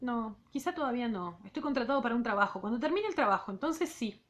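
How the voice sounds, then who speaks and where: A woman's voice: a little high, animated, fast, close to an everyday voice. A woman reading the part of an insistent young man aloud from a novel. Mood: urgent.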